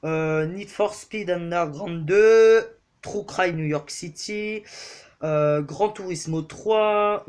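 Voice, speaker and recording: A young man giving a casual tour of his bedroom, rambling and hesitant with lots of fillers, his voice jumping up then sinking low and quiet. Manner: pitch swings up and drops low and quiet. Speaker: vlogger. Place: bedroom, indoors.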